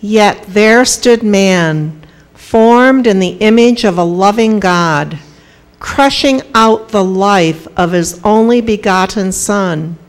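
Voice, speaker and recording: Female narrator, scripted Bible drama. Solemn, deliberate, unhurried reading at medium pitch.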